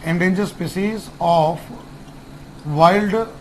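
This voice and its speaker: A man teaching an online exam-prep lecture, repeating key terms and spelling out acronyms slowly. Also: high voice, slight background noise, rough recording. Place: classroom with whiteboard.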